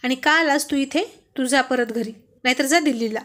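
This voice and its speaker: Fiery hurt young wife voiced by a woman storyteller, sharp, scolding, high voice, storybook reading. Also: normal speed. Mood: angry.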